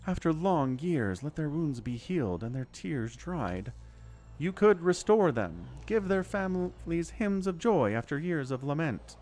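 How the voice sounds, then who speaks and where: A solemn goddess, as a male player reads her out in a fantasy game. The voice is lifted higher, with lively swoops and a lofty storytelling manner. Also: unhurried, faint music behind. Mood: lofty, consoling. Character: grave goddess speaking through birds, read aloud. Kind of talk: dramatic reading of game text.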